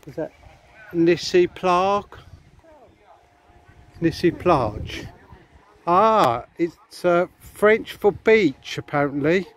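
Walking past hotels along a beach, a man with a high, expressive voice draws out his words and pauses often as he rambles chattily to viewers. It's a casual walking vlog shot on a handheld camera outdoors, with faint outdoor noise.

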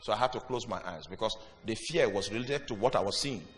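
A man preaching a sermon with dramatic pauses and sudden loud bursts. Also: on the low side, lively intonation. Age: young adult or older. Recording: reverberant hall with music behind.

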